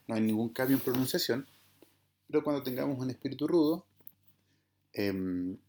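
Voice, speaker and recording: A man teaching an online class in a dark, mellow voice at a middling pitch. His comes through as he explains each point step by step. He keeps checking that his listeners follow him. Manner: patient, explanatory, checks understanding with "¿verdad?" and "¿bien?". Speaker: Greek teacher.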